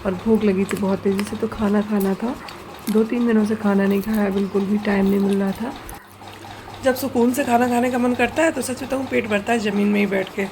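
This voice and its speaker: A woman's voice: mid-range voice, a little fast, a little hiss or hum. Chatty woman vlogging from home. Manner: chatty, relaxed, talks straight to viewers. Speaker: vlogger, homemaker and mother. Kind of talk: casual home vlog chat. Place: at home, indoors.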